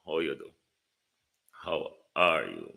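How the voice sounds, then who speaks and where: A man with a Jamaican accent hosting a live political talk stream, speaking theatrically, moving between calm and indignant heat. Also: rumbling low, slow, vocal fry. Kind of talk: live political commentary to viewers.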